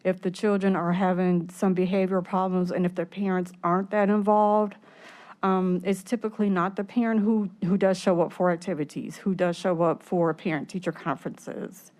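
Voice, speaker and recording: Woman talking thru a face mask at a committee meeting, lowish smooth voice, bit short of breath, halting. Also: steady tone, a little mellow. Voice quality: speaking through a face mask. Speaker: program staff presenter at a committee meeting. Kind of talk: explanatory answers at a public meeting.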